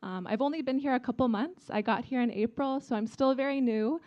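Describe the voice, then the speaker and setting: Speaking before a student audience, a young Chinese woman serving as an embassy vice consul presents in a warm, casual way with an American accent. She has a high-pitched voice, talks a little fast, and sounds muffled.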